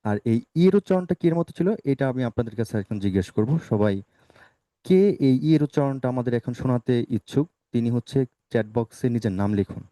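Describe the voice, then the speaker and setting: Teacher drilling pronunciation, dark dry voice. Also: male voice, mid-range voice, lively intonation, no room sound. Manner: drills words slowly, asks students to repeat. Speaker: spoken English teacher. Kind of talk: online pronunciation class.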